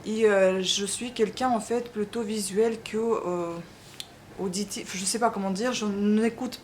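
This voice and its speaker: A woman's voice: mid-range voice, fairly even intonation, a little slow, a little hiss or hum. Hesitant Ukrainian-born woman reviewing books. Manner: hesitant, many fillers and restarts. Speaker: book vlogger. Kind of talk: casual book review.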